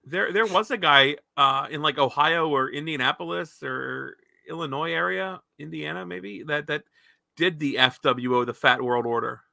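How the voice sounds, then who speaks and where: A man's voice: on the high side, normal speed, creaky, sharp tone, no room sound, clean studio sound. A man around forty co-hosting a casual podcast, rambling and joking about himself, with some swearing. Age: 40s. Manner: rambling, self-mocking, swears. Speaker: podcast co-host.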